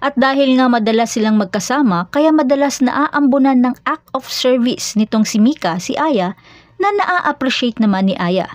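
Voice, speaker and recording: A woman reading scripted narration for a fan channel in a steady, explanatory way. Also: high-pitched, normal speed, no room sound.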